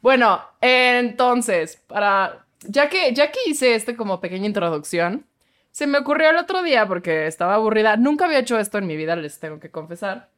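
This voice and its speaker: Animated Mexican fresa woman telling stories. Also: fairly high pitch, normal speed. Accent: Mexican, upper-class fresa. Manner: animated, laughing storyteller who mimics others. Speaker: podcast co-host and voice-over artist. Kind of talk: casual comedic podcast chat.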